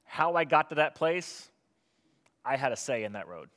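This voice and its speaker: Pastor preaching in an echoing hall. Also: male voice, mid-range voice, sing-song, normal speed, a bit bright. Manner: earnest, with sarcastic asides. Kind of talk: sermon. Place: church hall. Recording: long hall reverb.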